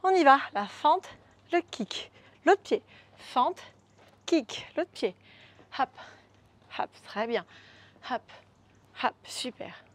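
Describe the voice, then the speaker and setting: A woman's voice: high-pitched, lively intonation, takes it slowly, pauses often. A woman coaching a beginner workout, upbeat and coaxing, counting moves aloud as she demonstrates. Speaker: fitness coach. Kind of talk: guided workout instruction.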